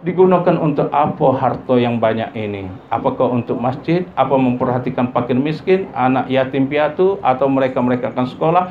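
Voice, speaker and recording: A man giving a sermon, his voice jumping high for emphasis as he acts out everyday family dialogue. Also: fairly quick, few pauses. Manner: lively pitch leaps, acts out dialogue of parents and children. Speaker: preacher. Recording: dull lo-fi recording with faint ambient noise.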